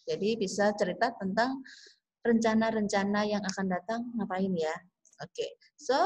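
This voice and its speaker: A woman English teacher with an Indonesian accent, slowly explaining a lesson to her class, drawing out her English phrases. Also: medium pitch, a little mellow. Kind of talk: online class lecture mixing English and Indonesian.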